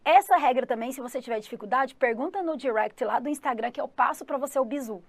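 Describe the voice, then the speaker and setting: A Brazilian woman with a fairly high voice teaches an exam-prep English lesson. She is upbeat and keeps checking in with her listeners. The sound is dry and close, with no room echo. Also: fast talker. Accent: Brazilian Portuguese. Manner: calls herself 'the teacher' in third person.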